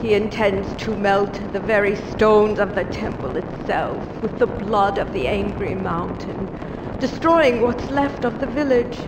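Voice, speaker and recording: A woman's voice: medium pitch, measured pace, reverberant, noisy background, close to an everyday voice. An actress playing a reverent, fearful old woman village oracle in a video game, humble and pleading in archaic formal speech. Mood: fearful, grave.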